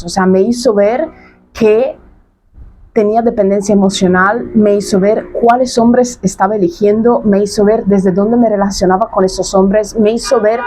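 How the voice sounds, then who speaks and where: A woman's voice: medium pitch, darkish tone. A woman in her thirties, a coach talking straight to camera in a casual monologue, emphatic and blunt, repeating her points and dropping slang. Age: 30s.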